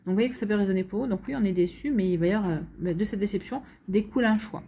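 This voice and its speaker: Speaking quickly in a dark, mid-range voice, a tarot and astrology reader presents her weekly guidance reading. She talks to viewers in a conversational, halting manner packed with fillers and repeated words, and a little hiss or hum is audible.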